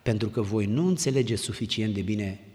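A man's voice: lowish voice, a little mellow. A male preacher gives an earnest, exhorting sermon to young people and repeats his commands again and again. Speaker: pastor. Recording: long hall reverb.

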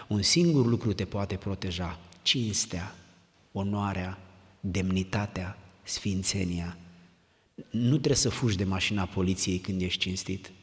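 Man preaching in a reverberant church. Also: lowish voice. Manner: earnest, exhorting, repeats commands. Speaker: pastor. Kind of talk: sermon to young people. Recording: long hall reverb.

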